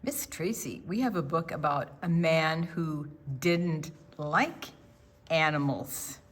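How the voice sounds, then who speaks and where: An older woman with a low-pitched voice reads a story to young children. She's deliberate and expressive, breaking off for chatty asides and questions to her little listeners.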